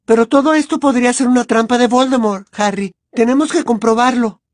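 A woman's voice: a little high, brisk, a little mellow, dry recording, clean studio sound, lightly acted. A woman voicing a clever, anxious teenage girl witch who talks with urgent earnestness. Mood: urgent, pleading.

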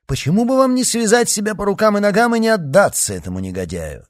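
A man voicing a hot-tempered young musketeer who bursts out loudly and scornfully. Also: sits low, expressive, measured pace, breathy edge, exaggerated voice. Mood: indignant. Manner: loud, scornful outbursts.

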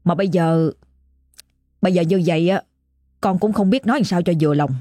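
A woman's voice: on the low side, brisk, mellow, natural voice. A woman voicing a polite young man who retrieves bodies and bargains. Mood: wheedling. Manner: deferential, wheedling.

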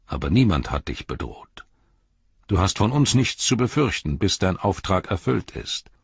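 A man's voice: low voice, sing-song, vocal fry, slightly rough, no room sound, muffled recording, full character voice. A man voicing a stern old wizard. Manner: stern, measured, unmoved.

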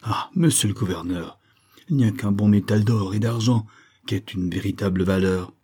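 A man's voice: fairly low pitch, normal speed, warm tone, husky. A man reading an audiobook, voicing a greedy merchant with a trembling, wheedling, pleading voice. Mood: fawning. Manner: wheedling, lamenting, sugary. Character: greedy wheedling male merchant, whining, fawning. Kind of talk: audiobook character voice.

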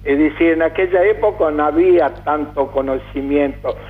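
Older Italian-born man on a tinny line. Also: on the high side. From Italy, Calabria. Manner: halting, full of "digamos" fillers. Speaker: guest. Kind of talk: reminiscing radio interview. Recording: tinny phone-like radio sound.

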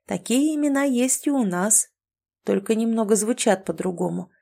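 A woman's voice: fairly high pitch, lively intonation, normal speed, vocal fry, warm tone. A woman reading the lines of a touchy young man trapped in a kitten's body in an audiobook, close to her own voice. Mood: grumpy. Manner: grumpy, condescending.

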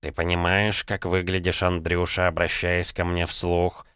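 A sardonic, dry-witted talking cat drawls each word slowly and with quiet mockery, as a man reading the audiobook puts him on. His voice is deep and smooth, set in a dry, close recording. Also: completely flat delivery, no echo. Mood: mocking. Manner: slow, low and dry, mocking. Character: sardonic talking castle-guardian cat, male.

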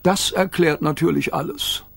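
A man's voice: a little high, normal speed, creaky, husky, no echo. A man voicing a bewildered male tourist in a storybook reading, stammering in disbelief. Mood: baffled. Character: baffled male tourist, slow on the uptake.

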